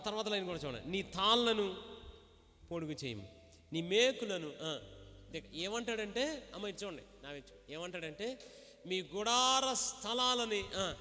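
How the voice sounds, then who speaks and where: A man preaching a sermon, repeatedly urging the congregation to shout, respond and read along. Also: high-pitched. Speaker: pastor. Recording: echoey hall with faint music.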